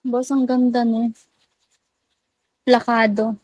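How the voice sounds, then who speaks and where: A woman's voice: on the high side, flat delivery, takes it slowly, darkish tone, husky, no echo, poor audio. A Filipino woman live streamer with missing front teeth, chatting casually and playfully with her viewers. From Philippines. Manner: teasing, playful banter.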